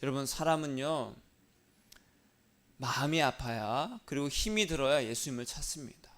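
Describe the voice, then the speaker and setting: A middle-aged Korean man preaching a sermon as pastor, telling a personal story earnestly and often dropping to a soft, quiet voice. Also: medium pitch, lively intonation, normal speed. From South Korea.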